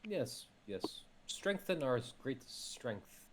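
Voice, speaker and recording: A man's voice: mid-range voice, very animated, slow pace, a little hiss or hum. A man playing a tabletop game, teasing and arguing in character. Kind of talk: casual in-character banter.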